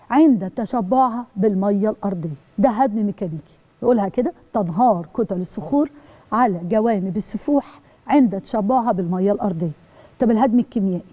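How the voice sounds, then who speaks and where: A woman's voice: fairly high pitch, lo-fi sound. A woman teacher with an Egyptian accent giving an exam review lesson, repeating definitions and asking and answering her own questions. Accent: Egyptian Arabic.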